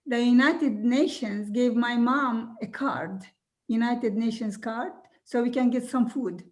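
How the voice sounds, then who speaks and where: Slow-speaking older woman from Jordan. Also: on the high side. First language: Arabic. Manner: slow, earnest storytelling with soft laughs. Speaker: guest speaker. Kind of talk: recorded video conversation.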